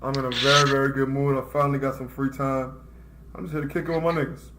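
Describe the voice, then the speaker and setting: A man from Chicago hosting a casual chat, talking in relaxed, slangy banter. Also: medium pitch, fast, heavy background noise. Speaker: show host.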